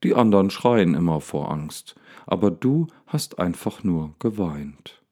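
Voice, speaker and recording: A man reading a storybook, voicing a gentle, curious male lion with a deep, full voice who speaks calmly and softly. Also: measured pace. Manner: calm, soft-spoken, slightly awkward.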